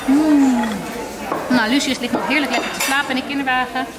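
A woman's voice: sits high, steady tone, a little fast. A woman in her thirties with a Netherlands Dutch accent, chatting casually and cheerily to her children and the camera as a family vlogger. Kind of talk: casual vlog chat. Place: busy amusement park. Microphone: handheld camera at arm's length. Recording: music and busy crowd noise behind.

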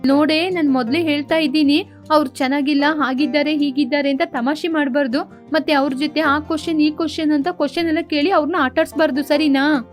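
A gentle, affectionate young bride and older sister in an animated storybook, as a woman narrator puts her on. She speaks in a high voice, lovingly scolding, over faint soft music. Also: brisk, lightly acted.

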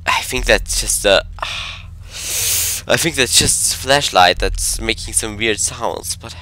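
A man's voice: fairly low pitch, takes it slowly, bright, forceful tone. Jumpy man narrating a horror game. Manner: jumpy, talks to himself, drops to whispers when scared. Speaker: gameplay commentator. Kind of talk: horror game let's play commentary.

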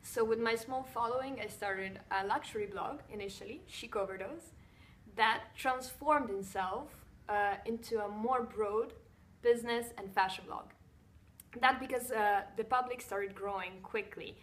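A blogger and TV presenter in her twenties from Italian-speaking Switzerland, whose first languages are Italian and Russian, answers fan questions directly to camera in a slightly high, bright voice. She sounds composed and measured, with slightly non-native phrasing and small filler pauses. She sits in a chair in a bright room with a wooden floor, and the camera picks her up from a few feet away.

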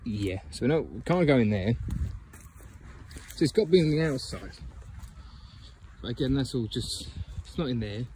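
A man's voice: medium pitch, lively intonation, moderate pace, pauses often, a little mellow, a little hiss or hum. A man filming a casual outdoor walk-and-talk vlog on a phone, rambling with many ums and chuckles. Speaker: geocaching vlogger. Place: outdoors by a fence and bushes.

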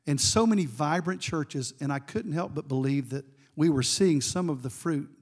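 A man's voice: a little high, moderate pace, slightly rough. A middle-aged man giving a sermon as guest preacher, telling a story with asides to the congregation.

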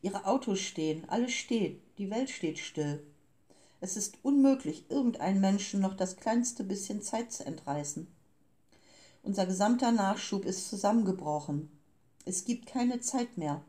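A woman's voice: fairly low pitch, expressive, moderate pace, mellow, natural voice. A woman reading the lines of cold, businesslike grey men who steal time, in a clipped, formal manner. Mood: panicked. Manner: clipped and formal, turning panicked.

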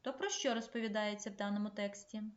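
Female primary teacher, remote lesson, measured delivery, roomy echo, slightly dull sound. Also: medium pitch, steady tone. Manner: clear, measured classroom instruction. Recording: echoey, slightly dull room recording.

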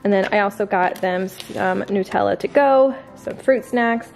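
A woman's voice: medium pitch, unhurried, a little mellow, faint music behind. A woman in her thirties, a family vlogger, chatting casually and in a friendly way with her viewers as she shows her groceries in a large home kitchen. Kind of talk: casual grocery haul chat.

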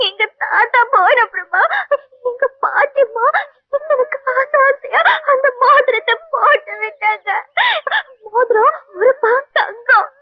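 A woman's voice: extremely high pitch, lively intonation, moderate pace. An actress playing a sly young woman who pranks a suitor, first faking tears, then mocking him. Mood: fake crying. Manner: fake tearful pleading, then mocking. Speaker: young woman in a film comedy scene. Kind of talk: Tamil film comedy acting. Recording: dull lo-fi film audio.

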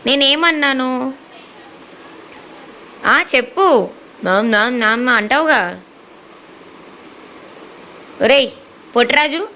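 Woman, high bright voice, slow playful baby talk to her pets. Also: slight background noise, poor audio. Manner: playful, teasing, sing-song coaxing. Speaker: dog owner vlogger. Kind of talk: baby-talking to her dogs.

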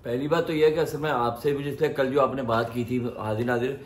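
A man, speaking as a guest in halting, earnest sentences. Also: mid-range voice, fairly even intonation. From Pakistan.

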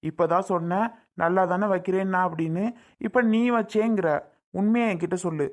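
A performer playing a fussy husband who scolds his wife, nagging and shouting questions. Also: on the low side, fairly even intonation, brisk, natural voice. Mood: scolding. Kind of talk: comedy skit acting.

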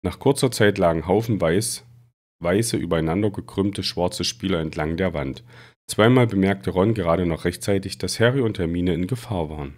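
Low-voiced guy reading a book aloud, steady storyteller. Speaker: reader.

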